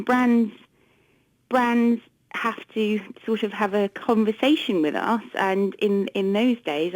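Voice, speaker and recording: Woman, English accent, research director, radio guest, brisk, wry, medium pitch, dry studio sound. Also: darkish tone, dry recording, poor audio. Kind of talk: radio interview. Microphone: studio microphone.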